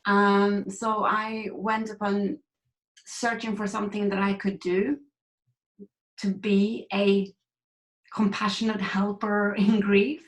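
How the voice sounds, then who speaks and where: A Swedish grief recovery coach, a woman with a mid-range voice and level tone, speaks slowly as a guest in a conversational interview. She tells her story candidly and reflectively; the room is echoey and the recording rough.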